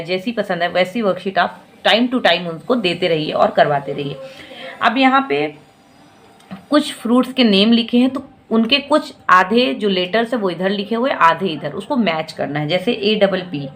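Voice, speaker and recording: Woman slowly spelling out fruit names. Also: mid-range voice, a little hiss or hum. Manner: slow, drawn-out syllable-by-syllable spelling; patient and instructive. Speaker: teacher giving parenting tips. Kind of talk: spelling lesson for parents.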